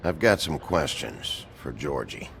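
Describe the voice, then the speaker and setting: An actor voicing a gruff male sheriff who is a wolf in human form, speaking curtly and with dry deadpan humor. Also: extremely low pitch, measured pace, a little hiss or hum, full character voice.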